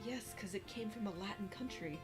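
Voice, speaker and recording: A woman's voice: medium pitch, a little fast. A young woman co-hosting a gaming stream, chatting casually, swearing freely and often restarting her sentences. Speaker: streamer co-host. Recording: faint game music behind.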